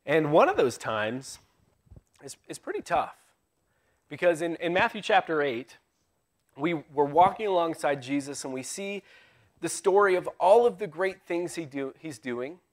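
Conversational preacher man, slightly high voice. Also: very animated, a little slow. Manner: conversational, wry asides; swings from loud emphasis to hushed tones. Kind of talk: live sermon. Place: church sanctuary.

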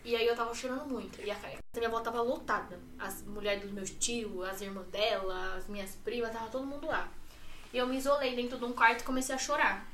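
A woman's voice: a little high, fairly even intonation, quick pace, fairly bright tone, roomy sound, distant mic, a little hiss or hum. An 18-year-old woman with a Brazilian Portuguese accent, a podcast guest telling a personal story in a run-on way, full of fillers and repeats.

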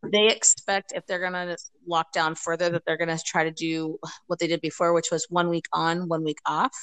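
A woman's voice: lowish voice, flat delivery, moderate pace, fairly bright tone, smooth, low-quality recording. Chatty American-born woman on a call. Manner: chatty, rambling, many fillers. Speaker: podcast guest. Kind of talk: casual chat. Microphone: video call.

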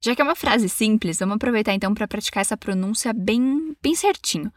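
A woman's voice: medium pitch, expressive, no echo, clean studio sound. Patient Brazilian woman teaching English. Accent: Brazilian Portuguese. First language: Portuguese. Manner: slow, exaggerated model phrases for repeating; encouraging and patient. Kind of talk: bilingual English lesson with repetition drills.

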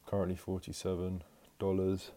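This man hosts a casual podcast alone from home, and his low, dark voice stays monotone at a moderate pace. He is out of breath from moving around the house and rambles with lots of fillers and restarts.

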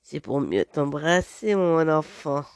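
A woman voicing a big, greedy male wolf in a storybook tale, speaking slowly and darkly. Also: big pitch swings, darkish tone, clean tone, no room sound, exaggerated voice. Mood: sly menace. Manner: deep, slow and menacing, then sugary when disguised.

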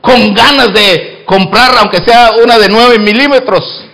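A man preaching a sermon as pastor in church, swinging from hushed asides to loud exclamations and acting out both sides of the dialogues he tells. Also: high-pitched, unhurried, vocal fry.

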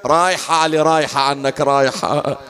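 High-voiced preacher chanting a lament. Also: male voice, flat delivery, sharp tone. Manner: shifts from spoken storytelling into slow sung lament. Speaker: mourning preacher. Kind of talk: chanted mourning sermon.

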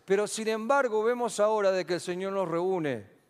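A man with a Rioplatense Spanish accent preaches a sermon in a high, light voice. He puts questions to his congregation and answers them himself. The hall carries a long reverb around him. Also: moderate pace, smooth. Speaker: pastor. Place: church hall.

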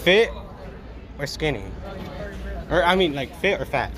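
Frat bro host, young man, higher voice, unhurried casual street interviews, slangy swearing, busy outdoor crowd behind. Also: expressive. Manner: frat bro, slangy and profane with frequent "bro" and "dude".

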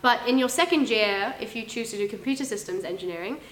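A young woman from England hosting a casual podcast chat, loud and quick to laugh at herself. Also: fairly high pitch, animated, echoey room, slight background noise. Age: young adult. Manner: loud, laughing, self-mocking. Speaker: podcast host, engineering student.

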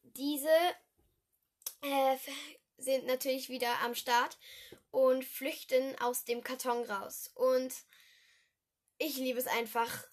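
A teenage girl from Düsseldorf talks on her own casual podcast, her voice pitched high. She rambles and corrects herself, dropping giggly asides. She speaks into a simple home microphone. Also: level tone, slow pace, long pauses. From Düsseldorf, Germany. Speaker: podcast host. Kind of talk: casual solo film-review podcast.

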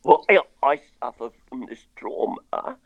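A man's voice: medium pitch, animated, slow, vocal fry, highs cut off. A man with a crackling voice, telling his story with wry chat as a songwriter guest. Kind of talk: casual remote interview.

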